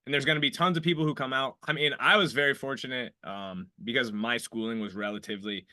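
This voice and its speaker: Forceful, dry-voiced man in his thirties hosting. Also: mid-range voice, steady tone, fast talker, no echo. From Iowa, United States. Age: 30s. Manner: rambling, swears freely, many restarts. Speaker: podcast host. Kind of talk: casual podcast interview.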